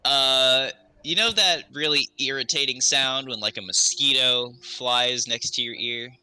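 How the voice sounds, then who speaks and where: Slow, bright-voiced man running a game. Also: medium pitch, clear, resonant tone. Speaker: game master. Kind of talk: improvised tabletop game narration.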